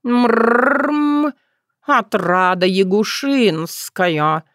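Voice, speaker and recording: A woman voicing a sly talking male cat, slow and purring. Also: a little high, animated, fairly bright tone, voice pushed up, exaggerated voice. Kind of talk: audiobook character voice.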